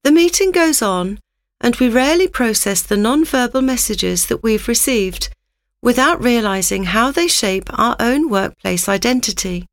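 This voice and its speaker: A woman giving a scripted, instructive narration in a measured reading manner. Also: a little high, expressive, no room sound, clean studio sound.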